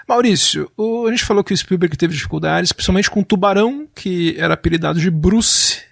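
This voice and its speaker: High, gravelly man. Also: fairly quick, fairly bright tone, no room sound, clean studio sound. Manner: fluent, storytelling explainer. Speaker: podcast co-host. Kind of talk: casual film music discussion.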